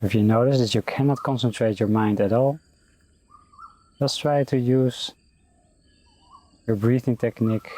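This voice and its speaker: In the role of a meditation teacher, a man with a medium-pitched voice gives guided meditation instructions that are calm, gentle and unhurried.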